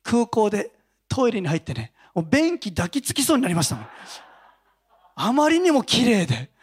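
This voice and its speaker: Lively high-voiced male pastor. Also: moderate pace, husky. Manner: animated storytelling with frequent chuckles. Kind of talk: conversational sermon.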